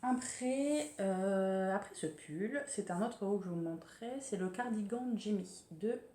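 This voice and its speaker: This French woman, a sewing vlogger, speaks a little slowly in a mid-range voice with a dark tone. Chatting casually on her sewing podcast, she's hesitant, leaning on fillers and frequent restarts, in an echoey room with faint ambience.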